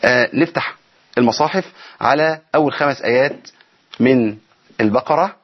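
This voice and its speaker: A lo-fi recording captures an Egyptian-accented man with a medium-pitched, slightly rough voice teaching Quran recitation on a studio broadcast. He explains each tajweed rule and repeatedly asks the audience rhetorical questions.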